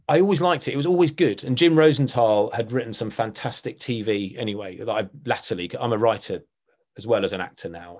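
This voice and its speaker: Chatty middle-aged Essex man. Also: mid-range voice. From Essex, England. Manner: chatty, rambling, self-correcting. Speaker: actor and writer being interviewed. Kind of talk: casual reminiscing.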